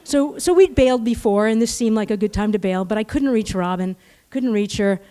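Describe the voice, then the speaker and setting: A middle-aged woman telling a personal story live on stage, animated and self-mocking, acting out the dialogue. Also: medium pitch, a little fast.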